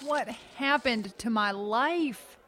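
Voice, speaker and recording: An actress playing an exasperated, blunt, sarcastic shopkeeper in a scripted audio comedy. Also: female voice, fairly high pitch, takes it slowly, over music. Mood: weary, annoyed.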